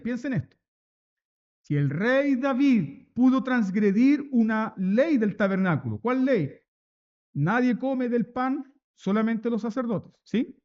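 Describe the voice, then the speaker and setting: High-voiced slow preacher. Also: male voice, muffled recording. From Chile. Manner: emphatic, repeats key phrases, asks rhetorical questions. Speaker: pastor. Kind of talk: sermon.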